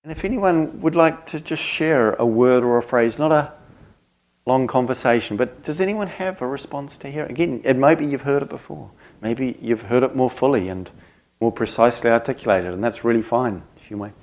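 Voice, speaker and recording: Measured, grave man giving a reflective talk. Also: medium pitch, darkish tone. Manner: measured and halting, with pauses between short phrases; grave, earnest. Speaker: Dharma teacher leading a group. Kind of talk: reflective spoken talk to a group.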